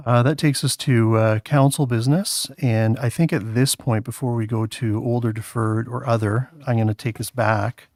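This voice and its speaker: A man chairing a town council meeting, calling votes in a halting way with many filler sounds. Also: mid-range voice, fairly even intonation, darkish tone, dry recording, clean studio sound.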